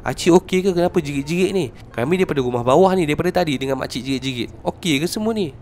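A man's voice: on the high side, animated, rapid-fire, a little mellow, a little hiss or hum, close to an everyday voice. A man voicing a polite, concerned young university student asking neighbours what is wrong.

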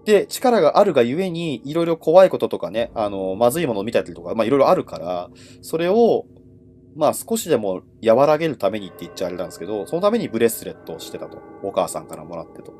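A man hosts a live ghost-story stream in an informal, conversational way. His intonation swings very widely, with dramatic pauses and endings that drop away. There is faint noise behind his voice. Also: medium pitch, big pitch swings, darkish tone. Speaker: horror storyteller and host.

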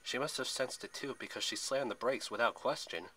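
Male storyteller, expressive read-aloud, bright and forceful. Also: medium pitch, a little fast, slightly rough, low-quality recording. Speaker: narrator. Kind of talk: dramatic story narration.

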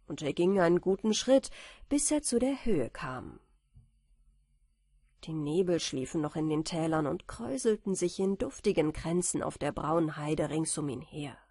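Female bedtime narrator, soft and calm, breathy, dry close recording. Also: lowish voice, no echo. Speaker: audiobook reader. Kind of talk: bedtime story reading.

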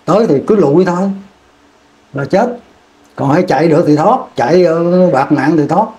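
Older man, slightly high voice, rambling war recollection, repeats words and restarts. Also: normal speed, mellow. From Vietnam. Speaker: veteran interviewee. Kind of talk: oral history war recollection.

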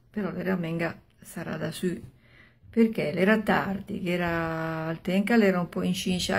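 An older woman with a Milanese accent tells a story aloud in a husky, gravelly voice. She speaks colloquially, as if chatting, in short phrases, and plays out the characters' exchanges herself. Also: lowish voice. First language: Milanese dialect. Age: 60s. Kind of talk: oral storytelling of an old horror tale, acting out dialogue. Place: small room at home.

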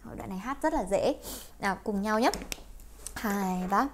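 A woman with a medium-pitched, lively voice teaches English through a song at normal speed, alternating between explaining the lines and their pronunciation and singing them for learners to repeat. A little hiss or hum can be heard.

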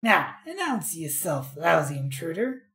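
Blustery video game pirate played by a woman, low for a female voice, very animated delivery, bossy and commanding. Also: a little slow, full character voice. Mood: suspicious, commanding. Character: gruff, blustering pirate guarding the captain's cabin. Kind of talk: reading video game dialogue in character.

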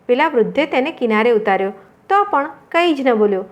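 A woman reading a storybook tale aloud in a calm, measured way. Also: sits high, muffled recording. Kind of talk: storybook narration.

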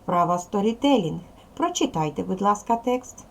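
A woman's voice: mid-range voice, lively intonation, normal speed, creaky. A woman teaching a recorded primary school lesson, patiently asking questions and answering them herself. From Ukraine.

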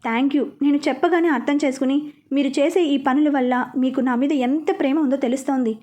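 A woman's voice: sits high, fairly even intonation, fast talker, warm tone, lightly acted. A woman reading the part of a suspicious young man who speaks firmly to his father in a storybook narration. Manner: suspicious, firm.

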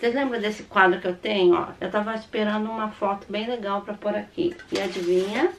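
A middle-aged Brazilian woman talks casually to her camera as she shows off things she bought. Her voice is throaty and slightly hoarse from a sore throat, with a gravelly creak. There is faint noise in the recording. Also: mid-range voice, steady tone, fairly quick. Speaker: vlogger. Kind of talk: casual chat showing purchases to camera. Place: small room at home, indoors.

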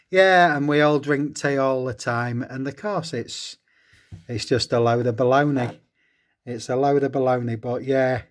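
Enthusiastic man unboxing. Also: medium pitch. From England. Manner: enthusiastic, fond exclamations. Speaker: host of a diecast collecting channel. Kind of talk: casual unboxing chat.

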